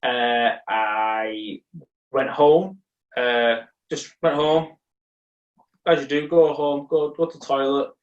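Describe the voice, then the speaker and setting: A man's voice: medium pitch, fairly even intonation, takes it slowly, distant mic, muffled recording. Young male podcast co-host, rambling and self-mocking, voice well off the mic in an echoey room. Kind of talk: casual chat, storytelling.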